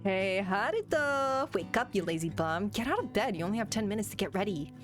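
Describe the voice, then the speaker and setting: A woman's voice: medium pitch, expressive, brisk, lightly acted. A woman voicing a smug, pushy little sister with a nasal, teasing voice in a game. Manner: teasing, bossy. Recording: background game music.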